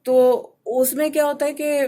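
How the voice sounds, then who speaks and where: Woman radio host with a Pakistani accent, raised pitch. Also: level tone, dark tone. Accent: Pakistani Urdu. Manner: explains with homely examples and asks "right?". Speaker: radio talk show host and life coach. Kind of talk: casual advice talk on FM radio.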